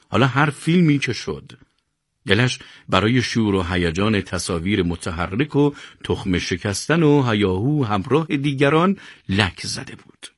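A male narrator reads a serialized novel in a lively, expressive voice that rises and falls a great deal. The sound is close and dry, with almost no room echo. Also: lowish voice, slightly rough. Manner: expressive storytelling, greets listeners. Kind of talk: scripted narration.

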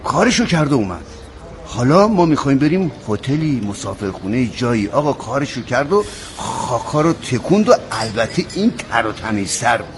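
Lively older male storyteller. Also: mid-range voice, a little hiss or hum. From Tehran. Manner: lively, acts out dialogue in varied voices. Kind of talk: traditional comic storytelling before a live audience.

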